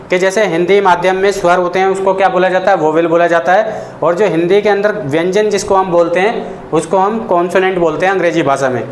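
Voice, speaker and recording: Guy teaching english basics, kinda high voice, patient, keeps asking the class stuff, echoey room. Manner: patient, repeats points and asks the class questions. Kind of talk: classroom lesson explaining basics. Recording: echoey room with faint noise.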